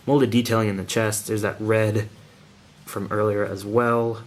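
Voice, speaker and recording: A man's voice: fairly low pitch, little pitch movement, a little slow. A man giving a casual hands-on toy review in an informal, slangy, enthusiastic manner.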